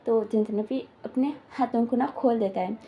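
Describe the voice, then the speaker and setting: A woman's voice: a little high, normal speed, highs cut off. A woman casually retelling a fan story in a rambling, filler-heavy way, slipping into quoted lines.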